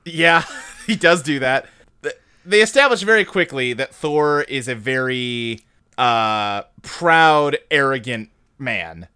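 A man co-hosting a casual movie podcast, talking in an animated, rambling way full of "like.". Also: mid-range voice, takes it slowly, clear, resonant tone. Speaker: podcast co-host.

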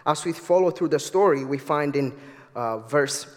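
A man's voice: on the high side, moderate pace, in a large hall. A man in his twenties from Ethiopia with an Ethiopian accent, preaching an earnest, eager sermon to a church congregation. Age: 20s. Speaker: guest preacher. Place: church sanctuary.

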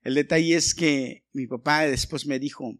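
A man's voice: a little high, fairly even intonation, moderate pace, a bit bright. A middle-aged man, a pastor, preaching a conversational sermon and telling personal stories, often restarting his words.

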